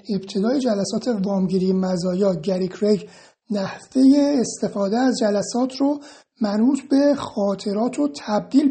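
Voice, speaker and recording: Woman EFT teacher, slightly high and mellow voice, calm reassuring Q&A delivery. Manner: calm, reassuring, reads each question then explains. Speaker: EFT instructor answering viewer questions. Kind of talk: informal explanatory Q&A monologue.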